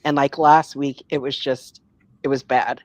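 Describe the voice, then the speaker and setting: A woman's voice: a bass voice, little pitch movement, unhurried, a little mellow, no room sound, muffled recording. A woman co-hosting a casual talk show, speaking frankly and bluntly in informal language. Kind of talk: casual chat.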